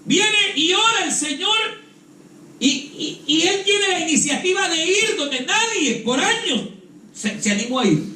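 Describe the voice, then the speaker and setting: A man's voice: extremely high pitch, animated, a little slow, bright, forceful tone. A man preaching fervently at a church retreat, often calling out "hermano" and "aleluya" and repeating words as he searches for them. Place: church hall. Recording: echoey hall, mic at a distance.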